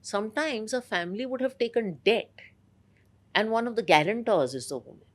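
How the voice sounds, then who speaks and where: A woman's voice: fairly high pitch, expressive, fairly quick. A woman with a polished, educated Indian accent, speaking articulately in a conversational interview. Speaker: interview guest.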